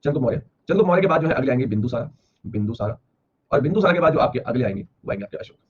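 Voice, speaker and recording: A man teaching history in a classroom lecture, explaining rapidly and repeating himself, with an Indian accent. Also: medium pitch, sing-song, slight background noise. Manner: rapid, repetitive explaining, slowing to read English lines aloud. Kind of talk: classroom lecture mixing Hindi and English. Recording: dull lo-fi classroom recording with faint ambience.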